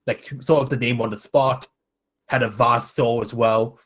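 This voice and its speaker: A man's voice: mid-range voice, fairly even intonation, measured pace, a bit bright. A man giving casual let's-play commentary, teasing and laughing often. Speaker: gamer co-playing.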